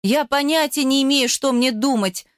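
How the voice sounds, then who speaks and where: A woman's voice: fairly high pitch, normal speed, a bit bright, no room sound, studio quality, lightly acted. A woman reading a novel aloud and voicing a distraught young bride in tearful, pleading outbursts. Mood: tearful anger. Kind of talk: audiobook character voice.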